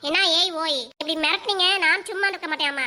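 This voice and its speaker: A performer voicing a sharp-tongued young wife who talks back to her mother-in-law in a cartoon. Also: extremely high pitch, fast talker, exaggerated voice. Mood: defiant. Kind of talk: cartoon voice acting.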